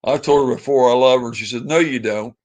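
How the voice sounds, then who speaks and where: A man's voice: mid-range voice, fast, a little mellow. Guy on a live stream reading comments, kinda pleading, says stuff over and over. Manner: pleading, sentimental, repetitive. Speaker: livestream host. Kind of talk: casual chat reading viewer comments.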